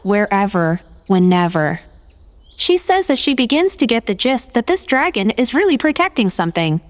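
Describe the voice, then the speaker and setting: A woman's voice: fairly high pitch, very animated, moderate pace, in a large hall. A woman reading scripted third-person narration and character dialogue as a player in a tabletop game replay.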